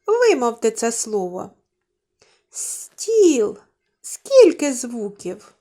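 Woman kindergarten teacher, slow and lively sing-song, mellow voice, drawn-out words. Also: fairly high pitch. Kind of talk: slow, clearly enunciated lesson for young children.

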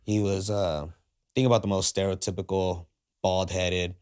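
A man's voice: low voice, level tone, moderate pace, a little mellow, clear, resonant tone. A young man from Southern California, a skateboarder guest, telling casual stories and acting out quoted dialogue with animation, talking into a podcast mic in a garage studio. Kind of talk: casual storytelling. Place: cluttered garage studio, indoors. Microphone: podcast mic on boom arm.

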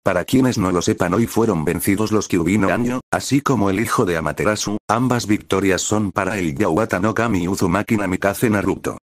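Man reading a kid-like but wise god making a big proclamation, low deep voice. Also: a little fast, few pauses, no room sound, studio quality. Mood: proclaiming. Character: childlike yet wise male god.

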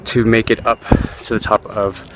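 A travel editor narrating a vlog outdoors at ancient ruins, chatty with many fillers, recording on a handheld camera. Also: male voice, fairly low pitch, little pitch movement, moderate pace. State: out of breath while climbing. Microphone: handheld camera while climbing. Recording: outdoor crowd noise behind.

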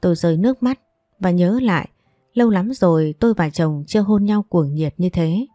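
A woman storyteller calmly narrating a scripted first-person story. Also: lowish voice, normal speed, no room sound, studio quality. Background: faint background music.

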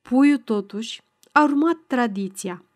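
A woman reads an audiobook in a steady, measured style. Her voice sits somewhat high and stays even through the narration. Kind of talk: scripted narration.

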